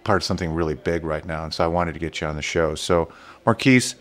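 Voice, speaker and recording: Host, male, very low voice, loose rambling delivery with fillers. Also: quick pace, a bit bright. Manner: rambling, many fillers and restarts. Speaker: show host. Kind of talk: casual interview chat. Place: Las Vegas.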